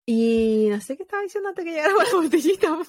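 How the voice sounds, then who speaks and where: A woman's voice: sits high, fast, no echo, studio quality. A woman with a Chilean accent, co-hosting a podcast in casual, slangy chat, often laughing as she tells stories. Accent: Chilean Spanish. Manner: animated, laughing, slangy storytelling. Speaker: podcast co-host.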